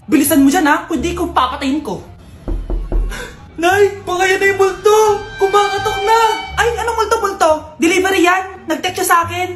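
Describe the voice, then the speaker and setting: A woman acting out comic family skits in a shrill, dramatic way, often shouting. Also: moderate pace, echoey room, over music. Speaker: comedy skit creator. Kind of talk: comedic skit acting.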